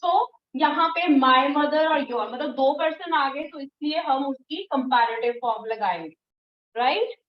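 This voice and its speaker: High-voiced woman teaching slowly. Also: echoey room, distant mic, lo-fi sound. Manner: patient, repeats and drills words slowly; firm when scolding students. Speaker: English teacher. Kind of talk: online class lecture.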